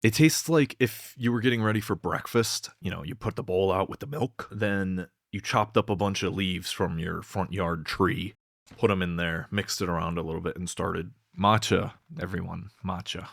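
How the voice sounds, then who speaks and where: A young man telling a rambling comedic story to camera, deadpan, with lots of fillers and swearing. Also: low voice, moderate pace, vocal fry, dry recording, clean studio sound. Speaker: vlogger.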